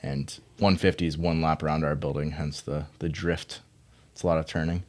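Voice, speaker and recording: Deep-voiced man coaching chat. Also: normal speed. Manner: relaxed, filler-heavy, laughs often. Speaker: gym coach and podcast host. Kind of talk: casual podcast chat.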